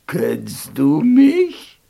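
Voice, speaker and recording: Storyteller doing a kindly old god, dignified, drawn-out, gracious. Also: mid-range voice, wildly swooping pitch, gravelly, mellow, full character voice. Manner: slow, measured, gracious.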